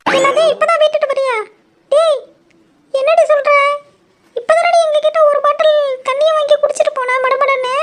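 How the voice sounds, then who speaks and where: Very high, squeaky cartoon voices of chattering village women, all put on by one woman. They gossip and bicker back and forth in quick local banter. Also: fairly even intonation. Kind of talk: cartoon voice acting.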